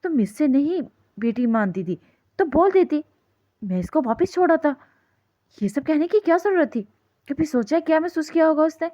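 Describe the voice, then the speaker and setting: A gentle but wounded father asks hard questions, as a woman reader puts him on. The tone is reproachful and slightly high, with a dull, lo-fi sound. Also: lively intonation. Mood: worried, reproachful. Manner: pleading, reproachful.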